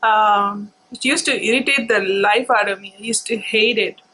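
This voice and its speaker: A woman vlogger telling personal stories casually, in a halting, reflective, unhurried way. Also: mid-range voice, pushed and bright, a little hiss or hum, rough recording.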